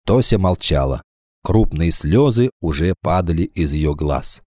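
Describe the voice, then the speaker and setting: A man reading a children's story aloud as narrator, in an expressive storybook manner. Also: low-pitched, unhurried, no echo. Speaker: audiobook reader. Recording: dry close home recording.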